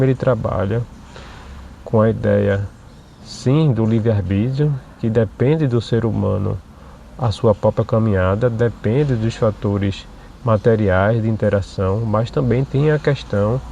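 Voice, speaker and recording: A man talks through an explanation at a steady, measured pace, tossing in little questions to his listeners. His voice is gravelly and sits at an ordinary middle pitch. A faint hiss of noise runs under the recording. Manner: measured, with frequent tag questions. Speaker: channel host. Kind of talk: explanatory monologue.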